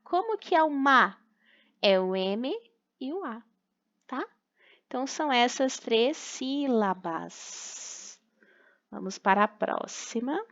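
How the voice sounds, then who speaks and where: A woman's voice: on the high side, expressive, takes it slowly, long pauses, a bit bright, dull audio. A young woman teacher with a Brazilian Portuguese accent, patiently sounding out syllables for young children in a recorded remote class. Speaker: primary school teacher.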